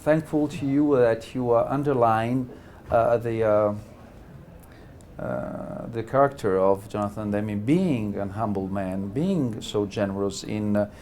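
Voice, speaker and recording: A man interviewing a filmmaker, asking his questions hesitantly with many pauses and restarts. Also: lowish voice, darkish tone, a little hiss or hum.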